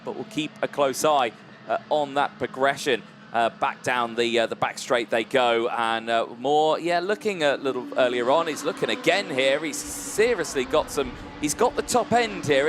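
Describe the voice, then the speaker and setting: Male motorsport commentator, medium pitch, conversational live calling, faint music in the background. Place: trackside commentary box.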